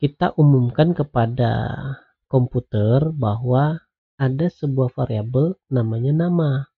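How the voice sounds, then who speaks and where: A man giving a programming lecture while coding on screen, explaining slowly and patiently with lots of "nah" and "ya". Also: medium pitch, breathy edge. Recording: tinny phone-like audio.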